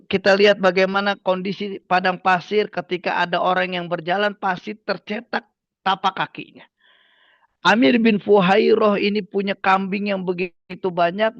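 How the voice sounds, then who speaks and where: A male Islamic preacher with a high voice, recounting a story and tossing rhetorical questions to his listeners. The sound is dry and close, with a slightly dull, lo-fi quality. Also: no room sound. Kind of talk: religious study lecture.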